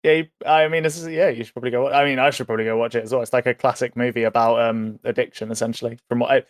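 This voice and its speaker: Mid-pitched man, tentative in debate. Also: steady tone, rapid-fire. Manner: tentative, hedging. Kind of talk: casual debate chat.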